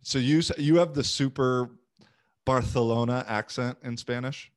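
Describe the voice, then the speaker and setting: At medium pitch and moderate speed, this youth sports coach and language learner keeps the conversation chatty and loose, dropping in "like" and "you know" as he talks.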